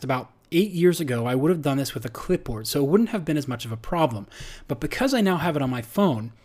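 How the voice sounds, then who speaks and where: A middle-aged man hosts a casual podcast as a strength coach. His voice sits a little high for a man. He talks in a loose, conversational way, with plenty of fillers and restarts.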